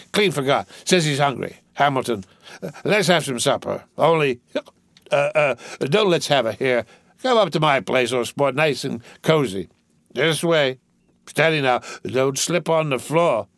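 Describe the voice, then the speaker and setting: A man's voice: on the low side, creaky, dry recording, voice pushed down, exaggerated voice. A man voicing a drunken, boastful rich young man who slurs, rambles and keeps breaking into laughter.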